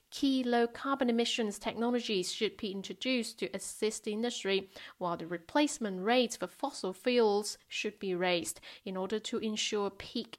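Female news presenter for rapid, scripted market bulletins, medium-pitched voice.

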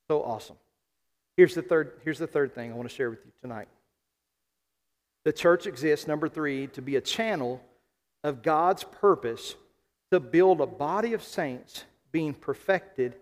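A man from South Arkansas, a pastor preaching a sermon to his congregation, rising to emphatic calls and reading scripture aloud. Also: fairly high pitch. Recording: long hall reverb.

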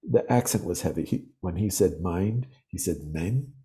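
Deep, mellow-voiced older man telling stories. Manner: reflective, vivid storyteller with pauses. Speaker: podcast guest. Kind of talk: storytelling interview.

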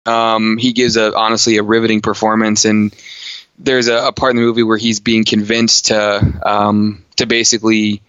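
A man's voice: lowish voice, completely flat delivery, normal speed, a bit bright, smooth, dry recording, lo-fi sound. A man co-hosting a casual film podcast, easygoing and a bit hesitant, poking fun at himself. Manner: easygoing, hesitant, self-deprecating. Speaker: podcast co-host.

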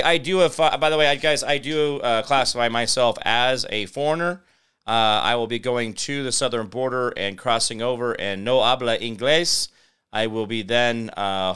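An American talk show host delivers rambling, off-the-cuff political commentary that is halting, sardonic, and full of digressions. His medium-pitched voice sounds pushed and bright, with a clear, resonant tone.

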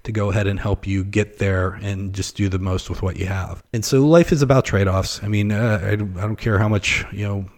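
A man talking as a financial advisor on a podcast, explaining things casually and a little haltingly. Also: lowish voice, a little mellow.

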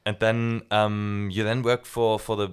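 A man's voice: on the low side, level tone, a little slow, clear, resonant tone. A man hosting an interview, asking friendly questions and answering with short agreements. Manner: friendly, with short backchannel replies. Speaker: podcast host. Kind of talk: casual interview chat.

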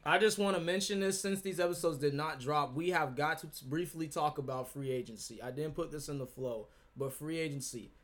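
A man's voice: a little high, brisk, few pauses, fairly bright tone. A young man hosting a casual sports podcast, steering the discussion with slangy frat-bro talk.

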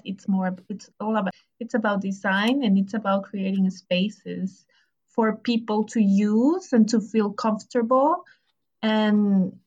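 A young woman from Ecuador, a graduate student and podcast guest, answering questions in a hesitant, casual way with pauses and restarts. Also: medium pitch, muffled recording.

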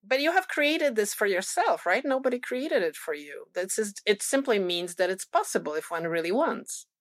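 A woman hosting a casual interview, asking curious, warm questions. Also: mid-range voice, big pitch swings, normal speed, dry recording, clean studio sound.

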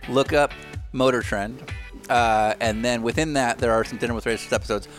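A man hosting a podcast in casual chat, wry and lively, doing sponsor plugs. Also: medium pitch, brisk, soft background music. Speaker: podcast host.

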